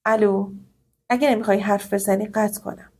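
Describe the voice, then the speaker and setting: A woman's voice: mid-range voice, steady tone, a little mellow, a little hiss or hum, close to an everyday voice. A woman voicing a stern male professor. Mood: serious. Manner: serious and businesslike.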